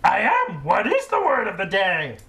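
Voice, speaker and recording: A woman voicing an excitable puppet creature in a children's puppet show parody, giddy and sing-song. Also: mid-range voice, normal speed, creaky, exaggerated voice. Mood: cheerful.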